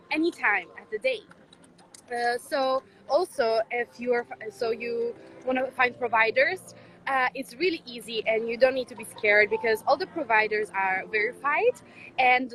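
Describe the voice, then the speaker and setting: A young woman hosts a casual city tour vlog outdoors in a square. Her voice is crisp and bright and sits fairly high, and she talks in a friendly way with many fillers. Light street noise stays in the background. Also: poor audio. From Croatia. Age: young adult. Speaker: vlog host and student guide.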